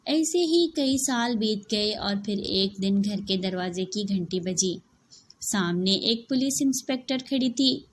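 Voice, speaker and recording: A woman giving scripted narration of a cartoon story in a clear, steady voice. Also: mid-range voice, slow pace, a little hiss or hum.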